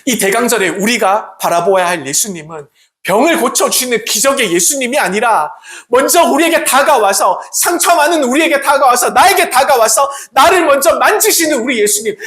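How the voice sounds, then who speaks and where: A pastor preaching a sermon in a church, emphatic, swinging between loud passages and hushed ones. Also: medium pitch, expressive, a little fast. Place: church sanctuary. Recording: echoey church hall.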